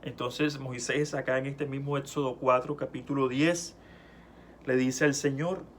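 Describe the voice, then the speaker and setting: A man preaches in an easy, chatty way, stumbling over restarts, then lifts his voice when he reads scripture. His pitch sits in the middle range. A faint hiss of noise runs under the recording. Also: fairly even intonation, measured pace. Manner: conversational preaching with many restarts, rising loud when reading scripture. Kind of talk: sermon.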